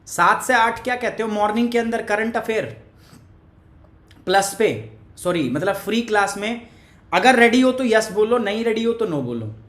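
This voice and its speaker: A high-voiced male teacher speaks expressively at normal speed with a fairly bright tone during a chatty live online class. He has a cough and teases viewers by name, recorded in an echoey room.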